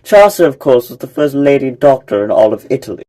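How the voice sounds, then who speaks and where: A man's voice: mid-range voice, sing-song, a little fast, warm tone, lightly acted. Man doing a pompous scholarly bird. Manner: pompous, lecturing.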